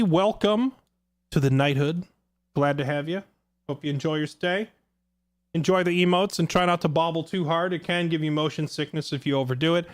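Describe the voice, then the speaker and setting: Male streamer, casual live chat, sarcastic, worn out, slightly high voice. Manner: sarcastic, chatty, self-deprecating. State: tired.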